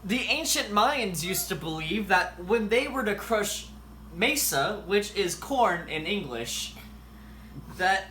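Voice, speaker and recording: A man's voice: sits high, pushed and bright, slight background noise. A man hosting a goofy home cooking tutorial, reading recipe steps aloud and making up silly facts. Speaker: cooking show host. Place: home kitchen.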